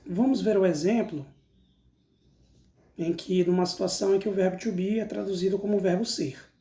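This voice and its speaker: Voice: mid-range voice, steady tone, normal speed, warm tone. An English teacher with a Brazilian Portuguese accent, giving a recorded lesson that reads out each example and then its translation. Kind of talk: slow recorded language lesson. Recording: roomy, echoey recording.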